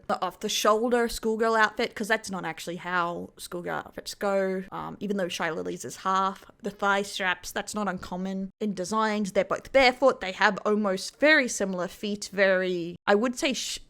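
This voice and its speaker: A woman's voice: medium pitch, fairly bright tone. A woman with an Australian accent narrating a commentary video in a rambling, self-correcting way.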